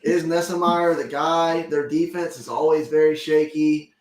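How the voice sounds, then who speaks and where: High-voiced co-host, distant and echoey. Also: male voice, steady tone, measured pace. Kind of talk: casual sports chat.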